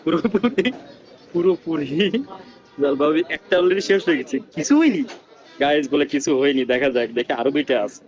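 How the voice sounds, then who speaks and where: A man vlogging with a rural Bangladeshi Bengali accent, keeping his voice low and hushed as he talks to viewers during an eating challenge in a village. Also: fairly quick, highs cut off, over music. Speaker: vlogger host. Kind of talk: casual vlog commentary. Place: village house outdoors.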